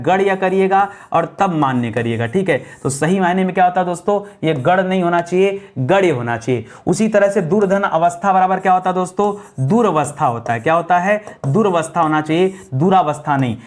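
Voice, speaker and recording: Guy teaching a spelling class, bit high voice, keeps asking the students questions. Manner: repetitive quiz-style questions to students. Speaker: Hindi teacher. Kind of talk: exam-prep spelling lesson.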